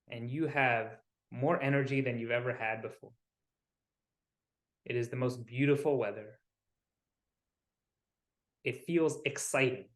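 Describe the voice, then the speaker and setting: In a roomy, echoing space, a man with a mid-pitched, fairly bright voice guides a meditation like a wellness coach. His delivery is soothing and unhurried, in short phrases separated by pauses.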